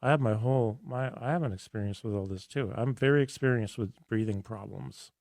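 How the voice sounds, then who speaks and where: Hoarse, raspy man hosting a radio show. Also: lowish voice, brisk, a little mellow, dry recording, studio quality. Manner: enthusiastic, rambling with restarts. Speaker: radio health show host. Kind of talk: casual radio talk. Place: radio studio.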